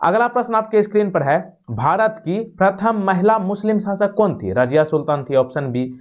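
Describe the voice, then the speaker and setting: A man with a high-pitched voice and lively intonation runs a quiz lesson at normal speed, reading out questions, then supplying answers and repeating them as an exam-prep tutor would. The recording is dull.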